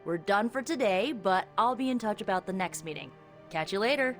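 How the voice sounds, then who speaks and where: An actress playing a brisk, matter-of-fact female hero in a video game. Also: mid-range voice, animated, over music, natural voice.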